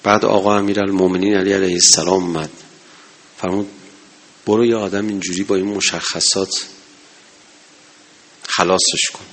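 A man preaching a sermon to a gathering, impassioned, swinging between loud exhortation and low murmurs. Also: breathy edge. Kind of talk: religious sermon.

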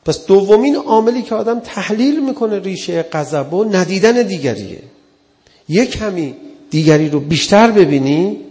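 A man's voice: high-pitched, lively intonation, a little mellow, long reverb tail. A man giving an earnest religious sermon in a conversational way, acting out the people he quotes. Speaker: preacher.

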